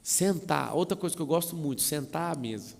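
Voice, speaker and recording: Male mentor, gravelly, fairly high-pitched, casual storyteller, long reverb. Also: brisk. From Brazil. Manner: animated, slangy, acts out family scenes. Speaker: mentor speaking on a live stream. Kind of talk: storytelling talk. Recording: long reverb, echoey room.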